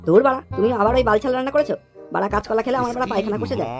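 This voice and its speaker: A woman's voice: a little high, racing, over music, close to an everyday voice. A woman voicing a crude, hot-tempered middle-aged father in a comedy cartoon, swearing coarsely and bellowing threats. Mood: grumbling.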